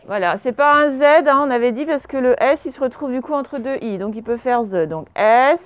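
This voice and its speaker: High, smooth-voiced woman teaching dictation. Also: expressive, normal speed, no room sound. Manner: patient, spells out words letter by letter; asks pupils questions and praises answers. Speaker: primary school teacher. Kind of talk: classroom dictation lesson.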